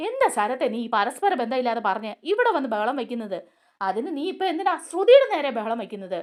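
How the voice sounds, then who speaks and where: A stern man scolds and questions his family in a serial retelling, played by a woman narrator. His voice is high and animated, with a firm, reproachful edge. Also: fast talker. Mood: scolding. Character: stern older brother figure, scolding.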